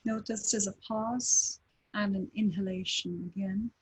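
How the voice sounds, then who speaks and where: Guiding a breathing meditation very slowly and without hurry, a woman meditation teacher lets every short phrase rest in a long pause. Her mid-range voice is airy and breathy rather than crisp, steady in tone and a little mellow.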